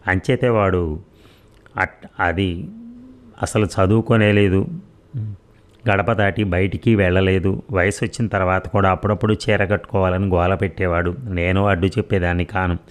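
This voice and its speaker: Man voicing a pleading elderly mother-in-law, deep low voice, slow earnest delivery, audio storybook. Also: fairly even intonation, natural voice.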